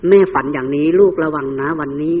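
A man voicing a grieving young royal mother who quietly and slowly pleads with her children and husband. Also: on the high side, husky, big-room sound, voice pushed down. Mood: anxious. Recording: tinny phone-like recording.

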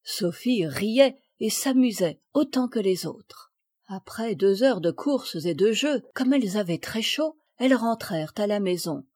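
A woman narrating a children's story in a clear, measured reading. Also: medium pitch, animated, darkish tone, no room sound, clean studio sound. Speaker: audiobook reader.

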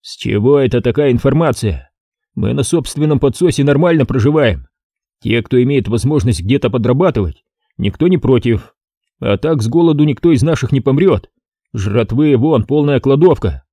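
A man voicing a gruff, impatient middle-aged police chief who talks in slang, in an audiobook. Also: mid-range voice, animated, moderate pace, warm tone, dry recording, clean studio sound.

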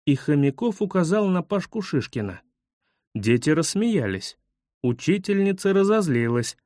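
A man's voice: on the high side, very animated, moderate pace, a little mellow, no echo, clean studio sound. A man narrating a humorous story. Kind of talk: storybook reading.

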